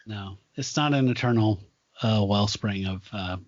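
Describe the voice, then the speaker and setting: A man's voice: fairly low pitch, measured pace, no room sound, muffled recording. A man hosting a casual podcast chat about a film, rambling loosely and laughing often. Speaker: podcast host.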